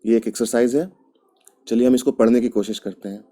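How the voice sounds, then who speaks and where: A man from India teaching a language lesson, speaking slowly and patiently and repeating each example word several times. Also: medium pitch, fairly even intonation, dark tone.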